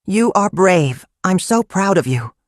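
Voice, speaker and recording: A storyteller voicing a kind young woman friend in a folktale who speaks gently. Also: medium pitch, big pitch swings, measured pace, dry recording, studio quality, voice pushed up.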